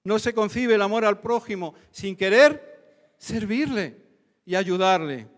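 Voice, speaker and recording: A man's voice: sits high, animated, unhurried. A man from Spain preaching a sermon as pastor, fervent, with rising emphatic lists. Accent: Spain Spanish. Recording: church hall reverb.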